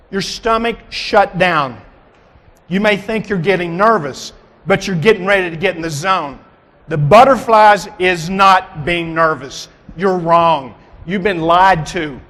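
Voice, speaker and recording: A man with a high voice delivers a motivational keynote from a convention stage. He is dramatic and keeps firing questions at the crowd. His voice rings with a long hall reverb. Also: a bit bright. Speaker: keynote speaker.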